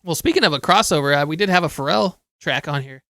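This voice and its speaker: A man in his thirties, co-hosting a podcast in casual chat, telling stories quickly and animatedly. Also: fairly high pitch, sharp tone. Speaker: podcast co-host.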